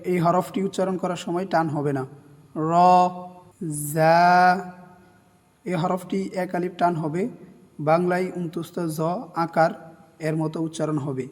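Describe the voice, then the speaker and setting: Man, letter-pronunciation teacher, deliberate, drawn-out letter names, reverberant room. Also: on the high side, darkish tone. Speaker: Quran recitation teacher. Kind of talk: slow instructional explanation of letter pronunciation.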